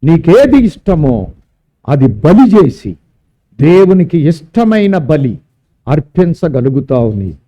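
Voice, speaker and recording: Male pastor preaching, high pitch, dark mellow tone, emphatic drawn-out words. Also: sing-song, lo-fi sound. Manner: emphatic preaching, repeating and drawing out key words. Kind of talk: sermon. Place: church service.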